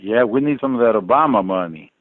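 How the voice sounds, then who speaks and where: A man co-hosts a talk radio show, working through the numbers and asking question after question in disbelief. His voice sits at a middle pitch and is squeezed through a narrow, phone-like band. The sound is dry, with no room around it. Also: lively intonation, brisk, no room sound. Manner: incredulous, asks rhetorical questions. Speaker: radio co-host.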